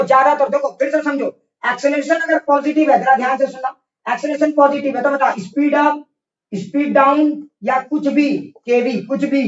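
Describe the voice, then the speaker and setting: A man's voice: very high voice, fairly bright tone. A male physics teacher runs an online class, repeating each point and firing "got it?" questions. He scolds and coaxes his students in turn. His voice sounds far from the mic in a roomy space, with dull, lo-fi audio. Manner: scolding, repetitive drilling with constant check questions. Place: online class over internet.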